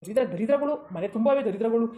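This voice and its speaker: A woman's voice: a little high, mellow, lightly acted. A woman voicing a drunk, abusive middle-aged village father who snarls threats, for a cartoon. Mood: angry. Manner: snarling threats, rapid scolding.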